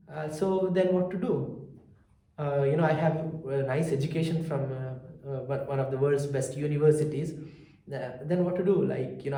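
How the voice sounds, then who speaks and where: A middle-aged man with a South Indian accent gives a personal account in an interview, speaking in a halting, reflective way and repeating phrases. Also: a little high, mellow. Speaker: interviewee, immigrant entrepreneur. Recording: roomy, echoing sound.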